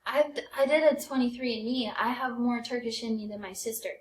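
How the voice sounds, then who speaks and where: Her voice is a little high and fairly even in intonation, moving a bit fast. She's a young American co-hosting a comedy podcast, swapping casual chat and personal anecdotes in an echoey, roomy recording.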